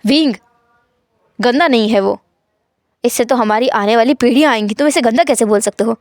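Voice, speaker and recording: A woman voicing a cold, teasing, dominant young husband in a storytelling fan fiction, speaking low, calm and insistent. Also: moderate pace, dry recording, clean studio sound, lightly acted.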